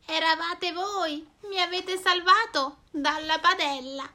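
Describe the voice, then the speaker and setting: Woman doing a bright cheerful young witch. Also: very high voice, slow pace, pitched above the performer's own voice, heavily acted. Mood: grateful. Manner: bright, lively, friendly.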